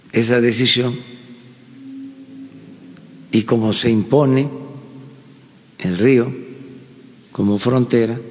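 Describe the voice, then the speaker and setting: Mexican man, president at a press conference, very slow halting delivery, gravelly voice, long hall reverb on a dull lo-fi recording. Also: medium pitch. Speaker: president answering press questions.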